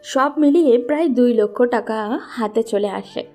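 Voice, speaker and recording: A woman reads a scripted story a little slowly in a fairly high, soft voice. Gentle music plays under her narration.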